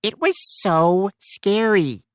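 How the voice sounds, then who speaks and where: A woman's voice: medium pitch, very animated, takes it slowly, fairly bright tone, dry recording, studio quality. A woman voicing a small, hungry, childlike monster girl who talks in a whiny way. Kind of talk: audiobook character voicing.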